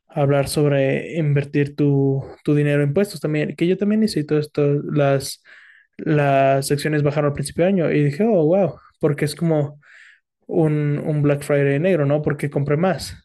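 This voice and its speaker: A man speaking as a podcast guest in a relaxed, reflective, casual conversation, with fillers and restarts. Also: a little high, unhurried.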